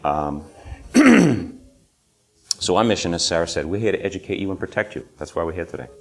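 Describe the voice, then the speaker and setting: A man with a New England accent giving an informal, emphatic seminar talk to a small live audience, often repeating phrases and clearing his throat. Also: sits low, sing-song, a little fast. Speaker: presenter.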